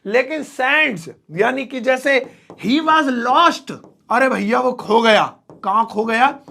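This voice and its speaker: Playful high-voiced male English teacher, gravelly. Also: slow pace, bright, forceful tone. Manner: playful and theatrical, with mock exclamations and jokes. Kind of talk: Hindi-language English lesson at a whiteboard.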